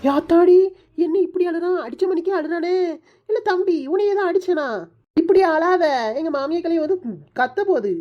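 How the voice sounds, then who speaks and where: A woman's voice: extremely high pitch, moderate pace, muffled recording. A woman voicing a bossy young wife who tutors and scolds a small boy in a Kanyakumari Tamil accent, in a cartoon. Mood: scolding. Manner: scolding, threatening, then coaxing. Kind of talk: cartoon voice acting.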